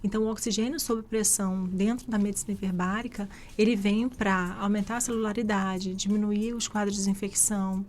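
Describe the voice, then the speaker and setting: Hardly pausing and speaking a little fast, a guest infectious disease doctor from Rio de Janeiro answers live radio podcast interview questions in an explanatory, conversational style, with a Carioca Brazilian Portuguese accent. Her mid-range voice has a darkish tone and fairly even intonation, and there's a little hiss or hum.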